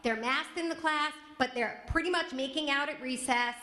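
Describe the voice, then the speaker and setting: A woman's voice: high voice, moderate pace, sharp tone. An American woman, a former teacher, giving an indignant, emphatic public comment. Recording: echoey meeting room.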